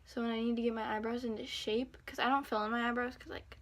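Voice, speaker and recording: A woman's voice: fairly high pitch, flat delivery, fast. A teenage girl talking casually through a get-ready-with-me vlog in her bathroom, rambling and making fun of herself. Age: teens. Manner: rambling, self-deprecating and chatty. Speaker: beauty vlogger. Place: home bathroom. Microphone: phone camera nearby.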